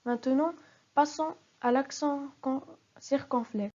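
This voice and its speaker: A woman with a slightly high, mellow voice leads a recorded spelling lesson. She speaks very slowly and breaks example words into syllables one at a time. The recording sounds dull and lo-fi. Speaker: spelling teacher.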